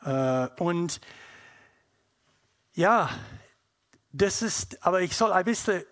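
Slowly and expressively, in a high-pitched, slightly bright voice, a middle-aged North American man gives an audience his personal testimony. A native English speaker, he speaks German with an English-speaking North American accent and searches for words as he goes.

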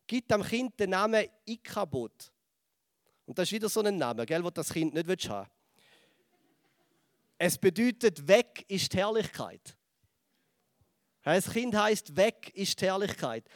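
A man with a Swiss German accent preaching a sermon, telling a Bible story in lively fashion and dropping to a hush at moments. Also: sits high, no echo, studio quality. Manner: lively storytelling, acts out voices and drops to a hush.

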